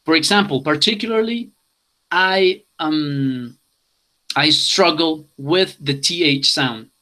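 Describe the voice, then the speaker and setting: A man's voice: a little high, takes it slowly, pushed and bright. A man from Colombia teaching an online English class, switching languages and repeating instructions.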